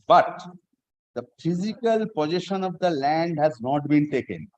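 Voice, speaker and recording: A man's voice: a little high, darkish tone, no room sound, low-quality recording. A man does a formal legal reading. He sounds like a lawyer addressing a judge, deferential and methodical as he reads out statute. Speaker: lawyer arguing in court. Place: courtroom live stream.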